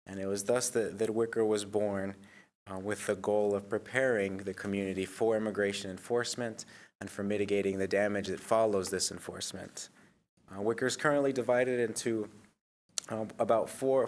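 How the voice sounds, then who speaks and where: A man in his thirties presents to a commission at a public meeting. His voice is low and barely moves in pitch. The delivery is steady and measured, dotted with ums. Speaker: invited presenter. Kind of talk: prepared presentation.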